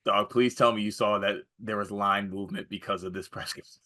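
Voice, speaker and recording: A man's voice: lowish voice, fairly even intonation, fast talker, sharp tone. An American man co-hosting a casual sports chat, conversational and wry, often repeating phrases for effect. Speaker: sports podcast co-host.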